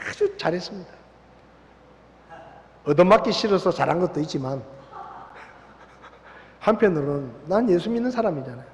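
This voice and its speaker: A man with a Gyeongsang accent, preaching a sermon as pastor with animated, story-driven delivery. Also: high voice. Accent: Gyeongsang Korean. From Gyeongsang province, South Korea. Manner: animated storytelling, acting out voices. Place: church sanctuary. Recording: long church hall reverb.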